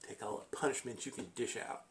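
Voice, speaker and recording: A woman with an unusually deep, low voice cracks jokes beside the host. She teases in quick, casual asides with a dry, wisecracking edge. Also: steady tone. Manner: wisecracking, teasing. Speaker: co-host sidekick. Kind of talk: casual joking banter.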